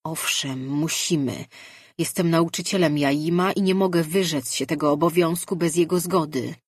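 A woman's voice: low-pitched, moderate pace, breathy edge, dry recording, studio quality. A woman reading an earnest, reproachful young man in a fantasy story. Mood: firm. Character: troubled young male dream weaver, earnest.

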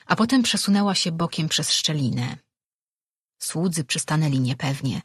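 A man reading a fantasy audiobook as narrator, in slow, measured scripted narration. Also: fairly high pitch, fairly bright tone, slightly rough, no echo, clean studio sound.

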